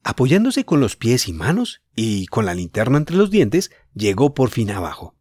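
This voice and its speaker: Expressive male audiobook narrator. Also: medium pitch, moderate pace, husky, no room sound. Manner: expressive storytelling. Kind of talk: audiobook narration of a children's novel.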